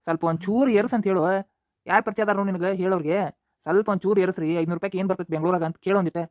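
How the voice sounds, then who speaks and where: A woman voicing a young village man with a North Karnataka accent, worried about getting married and pleading in rapid rural speech. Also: lowish voice, a little mellow, no echo, voice pushed down, lightly acted. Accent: North Karnataka Kannada.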